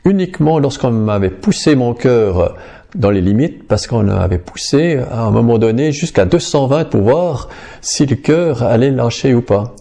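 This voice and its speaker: A middle-aged man gives a personal healing testimony, with a gravelly, mellow timbre sitting fairly low. He speaks earnestly and haltingly, often restarting his phrases. He sounds like a believer recounting his own story.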